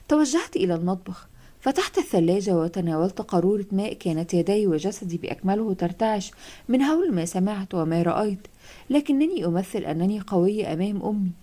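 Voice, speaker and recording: Fast-reading woman horror narrator. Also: mid-range voice, warm tone. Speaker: audiobook narrator. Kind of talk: first-person horror audiobook narration.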